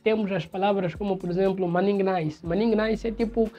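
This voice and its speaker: A man's voice: sits high, steady tone, a little fast, mellow, faint music behind. A man from Mozambique with a Mozambican Portuguese accent, giving opinion commentary on his channel in an explanatory way. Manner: explanatory, imitates accents in quoted examples.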